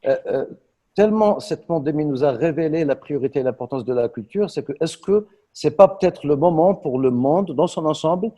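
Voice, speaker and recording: A man's voice: on the high side, animated, normal speed, warm tone. A man speaking as a guest in an online panel over a video call, arguing with conviction and stammering through restarts. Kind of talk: impassioned conversational argument.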